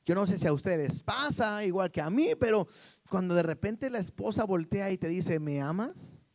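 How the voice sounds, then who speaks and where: This is a middle-aged man with a Mexican accent, preaching a sermon. His voice sits high. He talks in an animated way and gives the Bible characters their own voices as he tells the story. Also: moderate pace.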